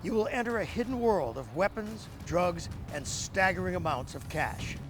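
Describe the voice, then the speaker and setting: A man's voice: sits high, expressive, moderate pace. A man reading scripted narration as the narrator of a television program. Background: music.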